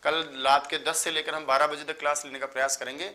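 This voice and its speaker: Bright-voiced tired teacher from Rajasthan. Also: male voice, a little high, little pitch movement. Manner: explanatory, lists terms in quick runs, addresses students as sir. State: tired, just woke up. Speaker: online Sanskrit teacher. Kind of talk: live online exam-prep lecture.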